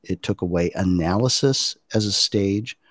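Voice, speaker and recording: A middle-aged man with a very low voice talks through design methods in a relaxed podcast chat. He explains at length and thinks aloud, with fillers and restarts. The sound is dry and close. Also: moderate pace, dry recording. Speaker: podcast guest, design practitioner. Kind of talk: casual conversational podcast.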